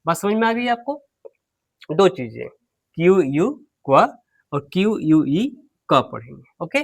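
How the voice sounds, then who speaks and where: A man teaching English pronunciation in an online class, unwell with a slightly low voice, repeating words slowly and quizzing his students. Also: big pitch swings, creaky.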